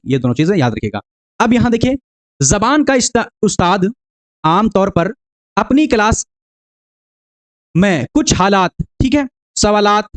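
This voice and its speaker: A man teaching an exam-prep lesson step by step, asking rhetorical questions, answering them himself, and often addressing viewers as dear friends. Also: high voice.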